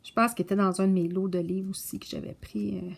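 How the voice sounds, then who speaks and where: A woman casually showing her coloring books, soft-spoken and stumbling over English titles. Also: mid-range voice, level tone, fast, creaky. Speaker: coloring book vlogger. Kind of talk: casual show-and-tell chat.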